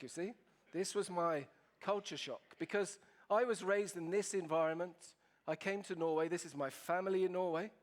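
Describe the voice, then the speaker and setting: A man with an Italian accent, giving a humorous talk to an audience and often asking them questions. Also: high voice. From Italy. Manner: playful, asks the audience questions. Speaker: keynote speaker.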